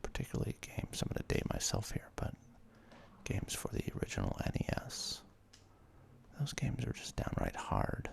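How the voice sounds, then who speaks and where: This thirty-something man hosts an ASMR let's play from his apartment, whispering game commentary that wanders and undercuts itself hesitantly. His lowish voice carries vocal fry and huge pitch swings at a moderate pace.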